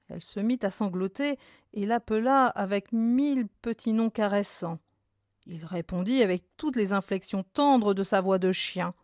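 A woman reads a classic short story aloud in a measured, expressive way. Her voice sits in a middle register and comes through close and dry from a studio microphone. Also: medium pitch, no echo. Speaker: story reader. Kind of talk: literary reading for radio. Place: radio studio.

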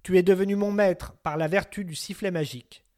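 A man voicing a wise silver salmon, king of fishes, in a storybook tale, speaking calmly and instructively. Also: high voice, fairly quick, lightly acted.

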